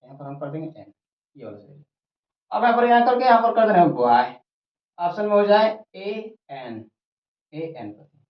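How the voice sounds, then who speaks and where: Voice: medium pitch, animated, moderate pace, long pauses. A teacher giving a grammar lesson at a board, repeating each point and asking and answering questions. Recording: roomy, dull lo-fi recording.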